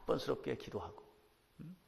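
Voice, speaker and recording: A middle-aged man preaching a sermon as pastor, telling the story with lively, acted-out voices. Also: mid-range voice, brisk, gravelly, breathy edge, big-room sound. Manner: animated storytelling, acting out quoted voices. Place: church sanctuary.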